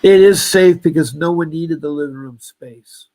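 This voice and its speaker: This guest, a man in his seventies with a fairly high, slightly mellow voice at normal speed, recounts something that happened to him. His telling wanders through restarts and asides as he insists, aggrieved, that he was wronged.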